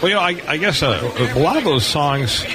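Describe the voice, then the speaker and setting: A middle-aged or older man with a fairly high, lively voice speaks a little fast as he hosts a casual live radio interview, chatting and reminiscing. He broadcasts from a booth in a convention hall, and the noisy event floor buzzes around him.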